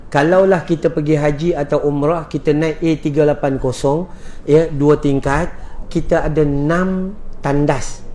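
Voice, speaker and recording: A man with a Malaysian Malay accent, a religious teacher answering questions in a lively, joking lecture, explaining step by step. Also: high voice, slight background noise.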